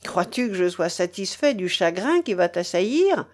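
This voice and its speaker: A woman's voice: lowish voice, sing-song, normal speed. A woman reading an audiobook, voicing a vengeful, scornful male pirate who threatens with sneering emphasis.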